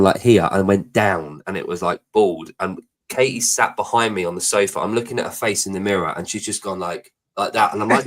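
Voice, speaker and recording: Guy in his 30s on a podcast, lowish voice, swears a lot, chatty storyteller. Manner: swears freely, storytelling with animated asides. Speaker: podcast co-host. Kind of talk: casual chat.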